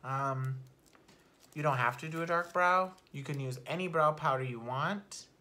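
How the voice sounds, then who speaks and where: A young woman chats through her makeup routine at home in a loose, unfiltered way. Her voice sits low for a woman yet sounds bright and forward. She takes her time, swears offhandedly and sometimes trails into a soft murmur. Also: a little slow. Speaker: beauty vlogger. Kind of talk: casual makeup talk-through. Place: at home, not in a studio.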